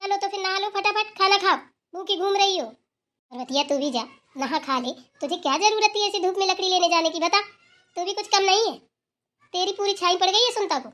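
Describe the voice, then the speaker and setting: A woman's voice: very high-pitched, fairly quick, fairly bright tone. A woman voicing a bossy but loving old village grandmother in a cartoon, scolding and then coaxing the family. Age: older. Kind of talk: cartoon voice acting.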